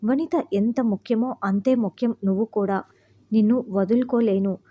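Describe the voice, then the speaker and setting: A woman's voice: fairly high pitch, moderate pace, highs cut off, lightly acted. A woman voicing a pleading young lover. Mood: earnest. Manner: earnest, pleading. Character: lovesick young man pleading with his lover.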